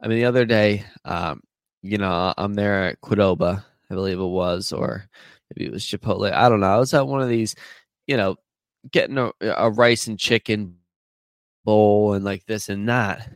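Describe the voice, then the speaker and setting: Man, stuffy nose, podcast host, casual motivational talk, rambling fillers, lowish voice. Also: moderate pace, no room sound. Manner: rambling, filler-heavy, earnest.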